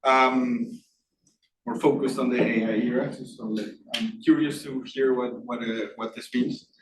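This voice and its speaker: A man hosts a seminar and introduces the guest, stumbling through with many fillers. His voice sounds echoey and distant, with steady noise in the background of the room. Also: medium pitch, unhurried. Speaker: seminar host introducing the speaker. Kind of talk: speaker introduction. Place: lecture room.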